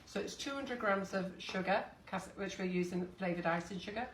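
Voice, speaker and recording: A woman's voice: medium pitch, normal speed. Woman in her fifties, chatty live-stream host, echoey kitchen, heard from a bit away. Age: 50s. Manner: chatty, laughs often. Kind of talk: live-stream baking chat. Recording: echoey room, distant mic, faint noise.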